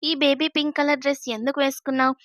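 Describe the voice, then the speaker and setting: A woman's voice: high-pitched, level tone, quick pace, a bit bright, no room sound, clean studio sound. Woman voicing a teasing young man in love.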